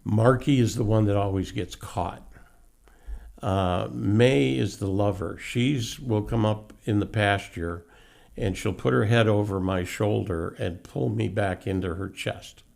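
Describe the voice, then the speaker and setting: A man's voice: lowish voice, measured pace, a little mellow. A middle-aged man who runs a horse carriage farm, telling folksy stories about his horses in a casual interview. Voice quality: gravelly. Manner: folksy, anecdotal storyteller.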